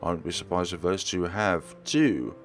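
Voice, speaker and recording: A deep-voiced man reads a visual novel aloud as a let's player, at a normal speed. His narration is expressive, though he sometimes trips over words and corrects himself.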